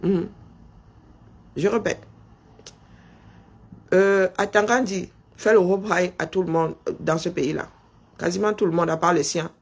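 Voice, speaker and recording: A middle-aged man with a Cameroonian French accent hosts a political live stream, insistently pressing his point with rhetorical questions and dictating punctuation aloud. His high, slightly rough voice has fairly even intonation and vocal fry, and he speaks unhurriedly with long pauses.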